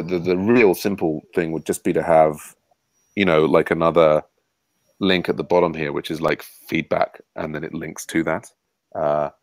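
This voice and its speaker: Deep-voiced man hosting a video meeting. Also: dry recording, low-quality recording. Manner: hesitant, many fillers and restarts. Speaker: meeting host. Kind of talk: casual online meeting talk. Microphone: video call.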